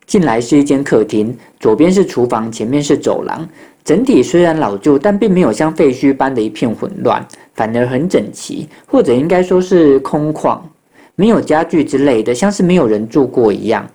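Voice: mid-range voice, animated, normal speed, warm tone. A storyteller narrating a ghost story and acting out the children's lines in their own voices. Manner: acts out children's voices in dialogue.

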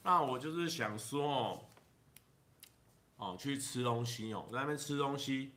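Man, Taiwanese Mandarin accent, livestream chat, rambling jokes, stretched sentence endings, chuckles at himself, bright sharp voice. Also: medium pitch. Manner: rambling, drawn-out sentence-final particles, chuckles at his own jokes.

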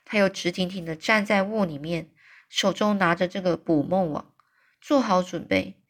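A woman telling a children's story aloud in a chatty way, padding lines with soft filler particles. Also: fairly low pitch, normal speed.

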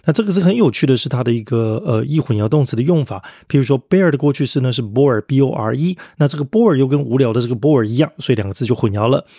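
A man teaching vocabulary on his podcast in a cheerful, encouraging tone, pausing to spell each word out letter by letter. His voice sits at a middling pitch. It is recorded close and dry, with no room sound. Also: lively intonation, slightly rough, no room sound. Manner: friendly, upbeat, spells words letter by letter, ends phrases with soft particles.

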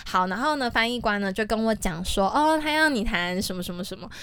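A young woman, telling a personal story in casual chat as a co-host, expressive and quick to laugh. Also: mid-range voice, clear, resonant tone, no echo. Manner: animated, expressive storyteller who laughs often.

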